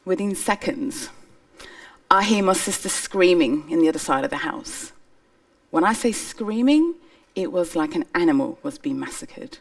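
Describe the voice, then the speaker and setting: Woman speaker from Somalia, lowish voice, earnest stage testimony, a bit off-mic. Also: lively intonation, moderate pace, vocal fry, recorded from a distance. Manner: earnest, emphatic storytelling. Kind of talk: personal testimony talk. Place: stage before an audience.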